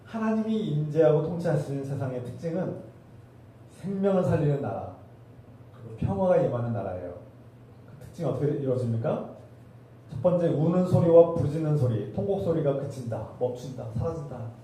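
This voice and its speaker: A man preaching a sermon from a church pulpit, his voice mellow and dark, speaking a little high for a man. The sound is heard from a distance in a very roomy hall. A faint hiss sits under his voice. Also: expressive, a little fast. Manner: preaching with rhetorical questions to the congregation. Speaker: pastor. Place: church sanctuary.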